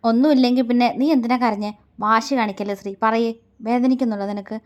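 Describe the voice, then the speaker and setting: A woman's voice: medium pitch, a little fast, darkish tone, dull audio, lightly acted. A woman reading a story aloud, voicing a proud young husband who scolds his wife with a raised voice. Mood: worried.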